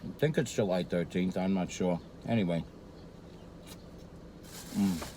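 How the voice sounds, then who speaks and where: Unhurried, profane New man, casual vlog ramble, chewing while he talks. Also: deep voice, dark tone, a little hiss or hum, low-quality recording. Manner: profane, meandering, hesitant fillers. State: eating while talking. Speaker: vlogger. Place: street near a Brooklyn diner.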